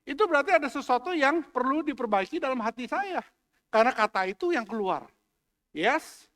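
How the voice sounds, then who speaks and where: A man's voice: very high-pitched, expressive, moderate pace, a bit bright. A male pastor preaching a sermon in a church, joking with the congregation and slipping English phrases into his talk. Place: church hall. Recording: long hall reverb.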